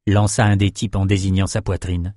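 A man with a fairly low voice narrates an adventure novel at an even, measured pace. The sound is dry and close, recorded on a studio mic. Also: no room sound. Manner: steady, measured storytelling. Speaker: audiobook narrator. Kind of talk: scripted narration.

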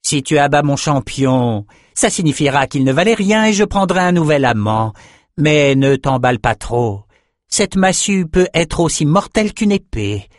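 Reading a storybook, a man pitches his voice a little higher than his own to play a cruel, domineering woman who owns gladiators, sounding scornful and commanding. His delivery is very animated at normal speed, in clean studio sound with no room echo.

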